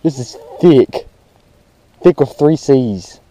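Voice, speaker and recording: A young man, vlogging excitedly while fishing at a rural pond, recorded on a chest-mounted action camera. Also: medium pitch, slow, dry recording. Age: young adult. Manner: excitable, shouts with joy over big catches. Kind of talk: casual vlog narration while fishing. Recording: faint outdoor noise, action camera.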